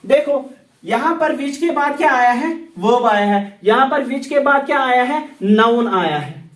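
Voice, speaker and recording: Male English teacher explaining grammar, very high voice, echoey room, deliberate repetition. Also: lively intonation, recorded from a distance. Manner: slow, deliberate, repeats English example sentences. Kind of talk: grammar lesson explained in Hindi. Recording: echoey room, set back from the mic.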